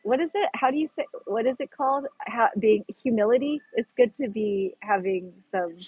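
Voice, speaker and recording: Her pitch sits fairly high and her pace is ordinary, with a slightly rough, lo-fi sound and no room echo. She hosts a casual livestream, speaking with a Pacific Northwest American accent and wandering a bit as she looks for the right words.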